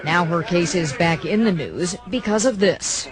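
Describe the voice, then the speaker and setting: A man's voice: high voice, animated, unhurried. A man reading scripted news narration as a reporter. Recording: news clip with loud crowd noise.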